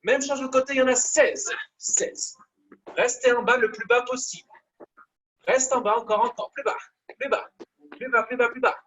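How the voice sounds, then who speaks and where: A man's voice: extremely high pitch, fairly even intonation, normal speed, pauses often, a bit bright. A man coaching a live online workout class, counting down reps and cheering people on. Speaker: fitness coach.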